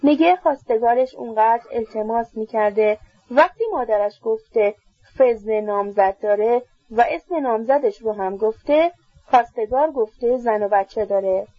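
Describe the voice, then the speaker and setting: A woman's voice: on the high side, husky, no echo, highs cut off. Woman voicing a gossipy jealous girl student. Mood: indignant gossip. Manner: chatty, indignant.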